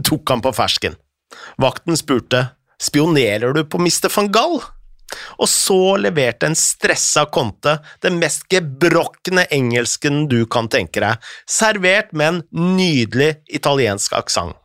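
Lively narrator telling a story, dry sound. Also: medium pitch, dry recording.

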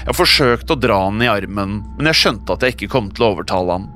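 A man narrating a scary story in the first person, in a measured, suspenseful scripted telling. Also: lowish voice, lively intonation, bright, forceful tone, a little hiss or hum. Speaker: podcast narrator.

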